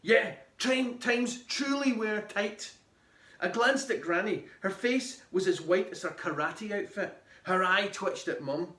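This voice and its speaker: A man reading his children's book aloud in an animated, playful way. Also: high-pitched, slow, reverberant.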